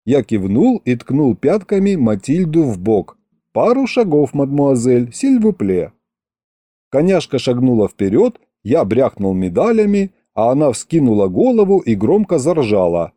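A man's voice: mid-range voice, big pitch swings, moderate pace, few pauses, mellow, no echo. A man narrating a humorous story in the first person, with a wry tone.

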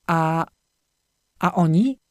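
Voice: mid-range voice, expressive, measured pace, dry recording, clean studio sound, lightly acted. A narrator doing a timid, stammering young woman. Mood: timid fear. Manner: stammering, hushed.

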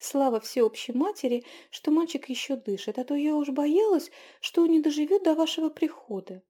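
A woman voicing a fawning, flustered innkeeper who gushes with lifted pitch. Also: moderate pace, dark tone, natural voice. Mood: gushing. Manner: gushing, fawning, breathless.

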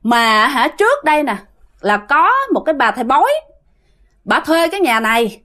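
Coarse old female spirit, scolding, higher voice; a woman narrator puts it on. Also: very animated, normal speed, fairly bright tone. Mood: boastful. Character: rude old female mountain spirit possessing a mother.

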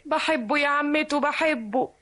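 A woman's voice: sits high, normal speed, fairly bright tone. An actress playing a lovesick young woman in an old Egyptian radio drama, with an Egyptian accent and a plaintive, pleading manner. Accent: Egyptian Arabic. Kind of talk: vintage radio drama acting.

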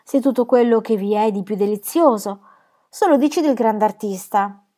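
A woman's voice: fairly high pitch, moderate pace, mellow, lightly acted. A woman reading aloud, voicing a playful young woman who teases in a mock-dramatic way. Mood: teasing.

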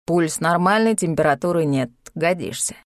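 A woman reading an audiobook, voicing a solemn, measured male Tibetan guide. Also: on the low side, dry recording, clean studio sound, pitched below the performer's own voice, close to an everyday voice. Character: low, slow-spoken Tibetan male guide. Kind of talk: audiobook character voice.

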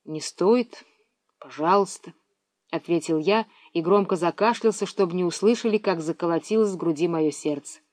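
A woman reading a children's story aloud in an even, measured storytelling manner. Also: lowish voice, no echo, studio quality.

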